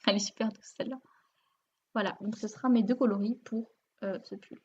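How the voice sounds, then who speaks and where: A woman's voice: mid-range voice, steady tone, fairly quick, a little mellow. Chatty French woman, muffled recording. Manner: chatty, self-deprecating, many fillers. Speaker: knitting podcast host. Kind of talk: casual video podcast chat.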